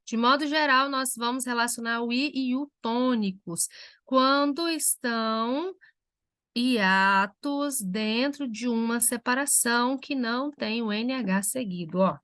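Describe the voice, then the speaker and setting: A woman's voice: fairly high pitch, fairly bright tone, no room sound. Woman teacher in a dry lecture. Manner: slow, spelled-out examples for students. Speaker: Portuguese language teacher. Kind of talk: recorded lecture.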